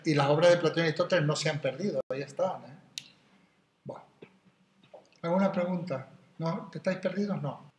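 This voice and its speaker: A man lectures a classroom on philosophy, his voice set a little high for a man. He wanders into asides and keeps checking in with his listeners. The room rings with echo and a faint hiss sits underneath. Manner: digressive, questioning, many tag questions. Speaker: philosophy teacher. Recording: echoey room with faint noise.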